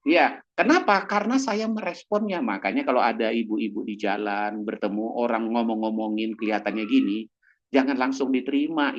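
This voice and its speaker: A male pastor delivers a lively sermon, his voice leaping up and down as he acts out small exchanges with humor. The recording sounds dull and lo-fi. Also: medium pitch. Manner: animated, acts out little dialogues with humor.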